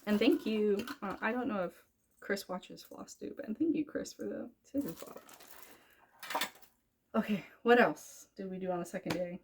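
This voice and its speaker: A woman's voice: mid-range voice, moderate pace, slight background noise. A young woman talking casually about her cross-stitch projects, rambling and correcting herself as she goes. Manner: chatty, rambling, self-correcting. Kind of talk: casual chat.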